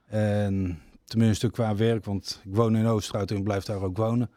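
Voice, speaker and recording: A man's voice: on the low side, level tone, normal speed, dark tone, no room sound, clean studio sound. A man in his fifties from Groningen, a deacon, answering radio interview questions hesitantly with many fillers. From Netherlands, Groningen. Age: 50s.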